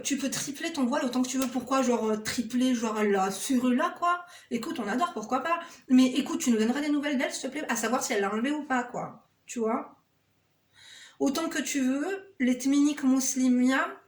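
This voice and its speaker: A woman's voice: sits high, reverberant. A woman vlogger giving relationship advice, reading out a viewer's story and cutting in with sassy, sarcastic, teasing asides.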